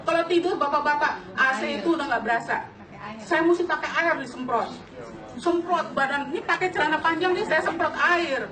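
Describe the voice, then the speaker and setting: A woman in her late forties giving an animated personal testimony to an audience, laughing often and turning to address the listeners directly. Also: high-pitched, normal speed, crowd noise. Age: late 40s. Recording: echoey hall, distant mic, audience around.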